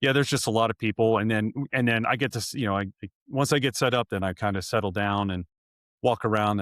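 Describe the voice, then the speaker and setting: A man in his forties who works as a sports arena PA announcer chats as a podcast guest, rambling and correcting himself with small chuckles. His voice sits lowish with a fairly bright tone, and the recording is clean studio sound with no room echo.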